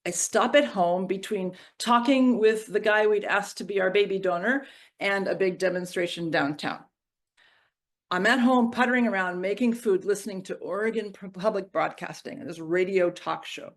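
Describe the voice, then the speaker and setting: A middle-aged woman giving a personal storytelling reflection at a church service, moving from playful to hushed and grave. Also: medium pitch, normal speed. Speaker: worship reflection speaker.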